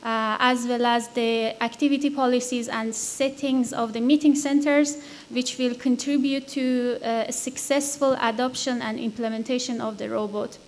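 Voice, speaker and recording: A woman's voice: fairly high pitch, steady tone, moderate pace, slight background noise. A young woman presenting research results at a conference podium, hesitant with many fillers.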